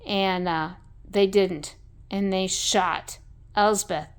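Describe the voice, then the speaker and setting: A woman's voice: medium pitch, fairly even intonation, slow pace, clean tone. A woman telling a rambling story in a blunt, salty way, full of fillers and asides. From American West.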